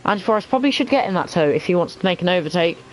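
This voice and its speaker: A man giving casual lead commentary on an online racing league, sometimes halting as he thinks aloud between calls. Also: high voice, animated, low-quality recording. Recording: faint background noise.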